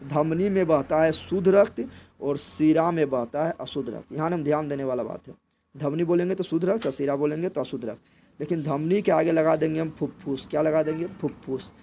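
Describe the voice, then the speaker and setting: A man's voice: on the high side, fairly quick, creaky, dark tone, a little hiss or hum. A young man teaching an exam prep lesson, repeating each point as a question and then answering it.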